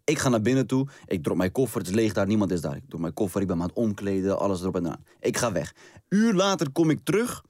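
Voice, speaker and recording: A man spinning an animated story in loose, slangy casual chat. His voice sits at an ordinary pitch. It is recorded close and dry, with no room sound. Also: fast, no room sound.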